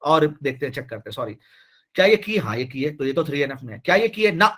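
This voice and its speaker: Male online tutor, fairly high voice, lively and pushy, keeps asking the class to answer. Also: fast talker. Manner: animated, repeats himself, keeps urging students to reply. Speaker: teacher. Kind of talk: live online class lecture.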